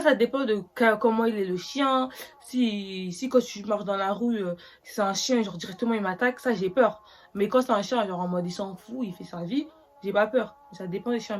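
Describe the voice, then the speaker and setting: Une jeune femme qui parle de façon décontractée et décousue, avec beaucoup d'hésitations et de reprises, en répondant aux questions de son public. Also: female voice, medium pitch. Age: young adult. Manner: chatty, rambling, full of fillers and restarts. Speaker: vlogger. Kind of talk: casual get-to-know-me vlog.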